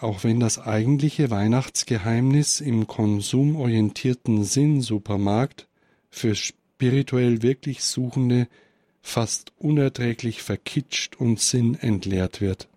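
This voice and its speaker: A man giving a spiritual Christmas reflection and reading a story aloud, in a measured, contemplative way. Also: mid-range voice, warm tone, dry recording. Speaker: spiritual speaker.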